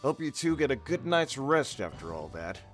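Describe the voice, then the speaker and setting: Man voicing a calm pizzeria owner. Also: mid-range voice, normal speed, soft background music, lightly acted. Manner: calm, understated. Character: calm middle-aged male pizzeria owner, quietly knowing.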